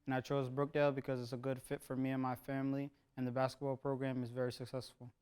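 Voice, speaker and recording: A young male college basketball player from New Jersey introduces himself from a script. He speaks fast in a flat, even tone, and his voice is smooth and clear. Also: mid-range voice. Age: young adult.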